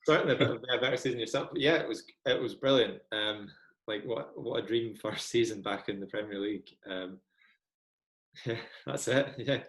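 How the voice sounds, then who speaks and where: Young Scottish man, low voice, relaxed chatty podcast guest, echoey room. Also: moderate pace. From Scotland. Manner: chatty, self-deprecating, many ums. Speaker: guest football fan. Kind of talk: casual podcast chat.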